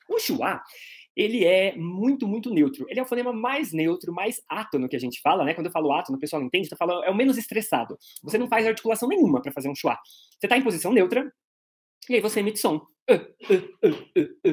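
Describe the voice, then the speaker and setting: Husky Brazilian teacher, lively pitch. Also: male voice. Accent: Brazilian Portuguese. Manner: explains patiently, models vowel sounds aloud. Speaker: English teacher. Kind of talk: explanatory video lesson.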